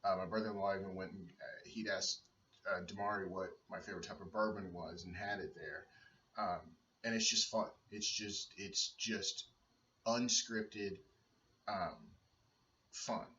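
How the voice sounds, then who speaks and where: A father in his thirties chats casually for his home video blog, hesitant and rambling, with many fillers and restarts. His voice is sharp-toned, fairly even in intonation and measured in pace. The dim room at home gives a roomy, distant, dull low-fi recording with a little hiss or hum.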